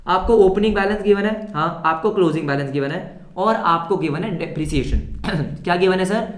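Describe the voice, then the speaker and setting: A male accounts teacher with a sore throat, running a fast revision lesson, asking the class questions and answering them himself. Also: sits high, echoey room. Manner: quizzes students then answers his own questions.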